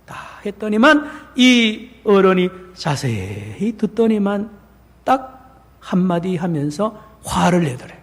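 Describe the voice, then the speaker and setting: A male pastor preaching a sermon in a church, animated, acting out quotes and asking the congregation questions. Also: high-pitched, takes it slowly. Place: large church sanctuary. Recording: long church reverb.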